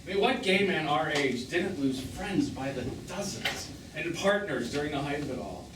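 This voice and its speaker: In a small theatre, a male stage actor portrays a wounded middle-aged man with a wistful, mournful tone, his fairly high voice expressive and lightly acted at normal speed. The live performance was captured from afar, so it sounds distant, echoey, and noisy.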